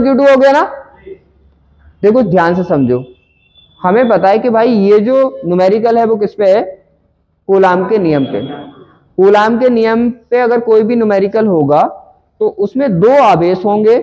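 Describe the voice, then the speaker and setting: A man with a strikingly high voice teaching a physics numerical problem. He talks in a conversational way, keeps asking the class questions and then answers them himself. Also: a little mellow, dull audio. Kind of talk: explaining a numerical problem to students.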